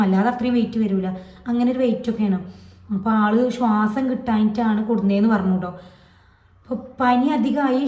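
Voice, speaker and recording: A woman speaks quickly, retelling a personal story in loops and repeats for her viewers. Her voice sits a little high and sounds mellow. The recording is muffled and echoes around the room. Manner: rambling, repetitive retelling with many fillers. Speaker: vlogger.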